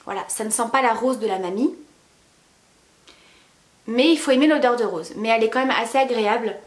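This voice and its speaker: A woman talks through beauty products in a casual, chatty way, filling pauses and restarting phrases as she goes. Her voice sits a little high and carries the echo of a bare room. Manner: chatty, many fillers and restarts. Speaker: beauty vlogger.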